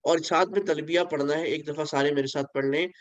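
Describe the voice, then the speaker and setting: Over a video call, a religious instructor with a slightly high, steady voice teaches an online pilgrimage training lesson at a brisk pace, explaining each step patiently, asking listeners to repeat, and mixing in English phrases. The recording is dry, with the highs cut off.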